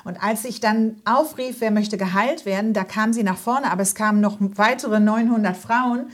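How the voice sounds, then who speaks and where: A woman's voice: medium pitch, normal speed. Older woman telling healing testimonies. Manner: earnest storytelling, quoting prayers. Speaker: guest evangelist. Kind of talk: testimony in a church interview.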